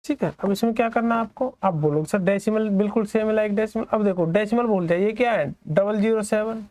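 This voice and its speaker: A male maths teacher with an Indian accent. He asks the class questions and answers them himself, dropping lower and softer on the students' replies. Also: a little fast, dry recording.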